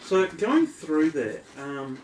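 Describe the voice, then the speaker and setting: A man's voice: a little high, big pitch swings, slow. Australian man, dungeon master, descriptive narration, echoey room, far from mic. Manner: descriptive, many ums. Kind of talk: narrating a tabletop game. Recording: echoey room, distant mic, faint noise.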